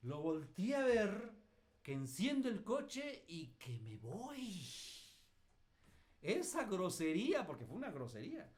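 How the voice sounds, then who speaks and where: Man, Mexican accent, middle-aged pastor, high voice, colloquial, self-mocking, teaching. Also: wildly swooping pitch, slow pace. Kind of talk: lively teaching with personal anecdotes.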